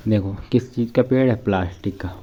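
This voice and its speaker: A man's voice: lowish voice, fairly quick. A young man from India vlogging casually while cleaning his village home, joking and rambling to viewers, a bit out of breath, recorded on a phone with no mic. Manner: chatty, jokey, rambling, addresses viewers as brothers. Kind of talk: casual vlog chat. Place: village house, cleaning rooms. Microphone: phone camera, no external mic. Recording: dull lo-fi phone audio in an echoey room.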